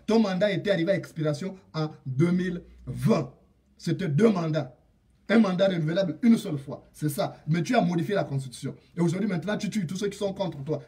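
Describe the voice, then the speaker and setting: A man from Gabon delivers an indignant political rant straight at a leader, repeating his proverbs and key lines for weight. His voice sits high yet sounds dark and mellow. He is heard from some distance off the microphone. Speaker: political commentator. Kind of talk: direct-address political rant.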